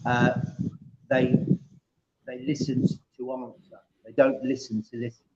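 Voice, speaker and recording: A man's voice: mid-range voice, flat delivery, measured pace, darkish tone, echoey room, muffled recording. A man co-hosting a casual livestream chat, talking in a rambling, matey way. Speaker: co-host.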